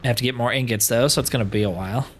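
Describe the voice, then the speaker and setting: A slightly hoarse man giving casual, chatty gameplay commentary with wry asides. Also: mid-range voice, rapid-fire, soft background music. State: slightly hoarse, losing his voice. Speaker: let's player.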